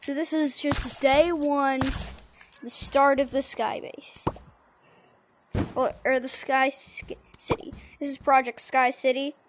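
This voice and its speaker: Give me a high-pitched chatty woman rambling over game audio. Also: flat delivery, slow, background noise. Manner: rambling, chatty, self-correcting. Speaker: gaming video creator. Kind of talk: casual gameplay commentary.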